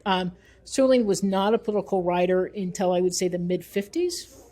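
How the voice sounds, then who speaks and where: A middle-aged woman, an author and researcher, answers interview questions in a conversational way that is emphatic, opinionated and explanatory. Her voice sits on the low side, moves at a normal speed and sounds mellow.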